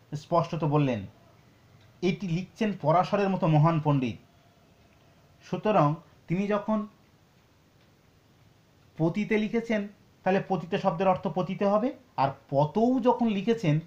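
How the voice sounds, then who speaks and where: A man teaching Sanskrit scripture, explaining slowly and reciting verses. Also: a little high, a little mellow, muffled recording. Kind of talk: lecture on scripture.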